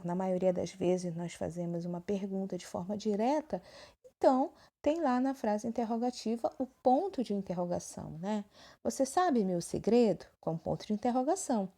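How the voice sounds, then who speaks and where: A woman with a Brazilian Portuguese accent teaches a recorded grammar lesson, explaining things and checking in with her students often. Her voice is mid-range with a dark tone, captured through a phone screen recording.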